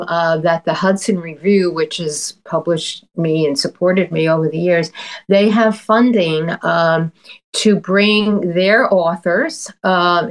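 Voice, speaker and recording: A woman poet from New York City with a Queens accent, speaking thoughtfully as an interview guest. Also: on the low side. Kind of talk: thoughtful interview talk and poem reading.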